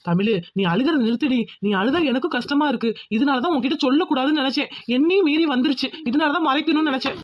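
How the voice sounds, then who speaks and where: A woman voicing a fast-talking young village groom. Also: high voice, muffled recording, a little hiss or hum, close to an everyday voice. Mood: reassuring. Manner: soothing, firm, insistent. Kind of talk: cartoon voice acting.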